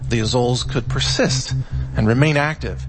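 A man narrating a scripted documentary in the grave, formal, measured manner of a news anchor. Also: medium pitch, noisy background. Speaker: documentary host.

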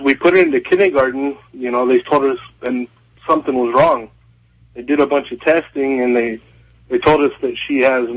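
A man phones into a talk radio show, his voice thin and tinny through a cell phone. The line sounds dull and lo-fi. He talks haltingly and hesitantly, with lots of fillers. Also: mid-range voice. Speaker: caller.

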